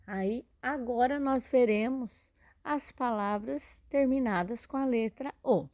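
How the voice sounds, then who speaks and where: A woman teacher with a Brazilian Portuguese accent gives a recorded lesson in a slightly high, a little mellow voice, taking it slowly. The recording is dry. She's patient, explaining step by step and checking in often with "né?" and "tá?".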